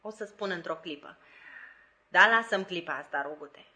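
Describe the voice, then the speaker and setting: A woman reading a hoarse old ex-convict. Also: lowish voice, bright, forceful tone. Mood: pleading. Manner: hoarse, broken murmur. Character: old weathered male ex-convict, rough and emotional.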